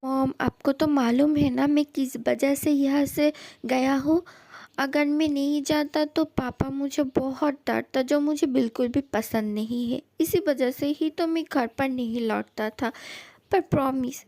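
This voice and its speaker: A woman's voice: high-pitched, fairly even intonation, a little slow, darkish tone, no echo. A woman voicing a devoted young adult son in a fan dub drama, pleading and repeating words for emphasis.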